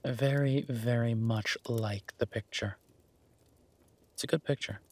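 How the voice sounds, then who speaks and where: In slow, soft intimate roleplay audio, a man plays an affectionate, laid-back werewolf boyfriend, sounding tender and content. His husky, breathy, medium-pitched voice is gentle and halting, murmured with long pauses in a conversational acting style.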